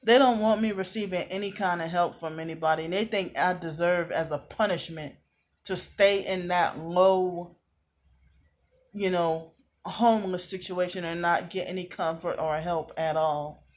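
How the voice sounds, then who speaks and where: A woman talking casually to camera from a hotel room, aggrieved and repetitive, often clearing her throat, sounding tired. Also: fairly low pitch, fairly even intonation, moderate pace. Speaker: vlogger.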